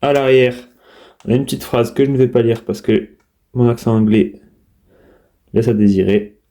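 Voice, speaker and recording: Dark-voiced man chatting through an unboxing. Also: mid-range voice, steady tone, normal speed. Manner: chatty, hesitant, many fillers and restarts. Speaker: collector unboxing steelbooks. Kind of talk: casual unboxing commentary.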